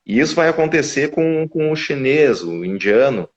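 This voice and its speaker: A man's voice: fairly high pitch, animated, moderate pace. A man, a guest from a language school, explaining at length in casual live-stream conversation with frequent restarts. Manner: explanatory, restarts with repeated words. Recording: dull lo-fi audio.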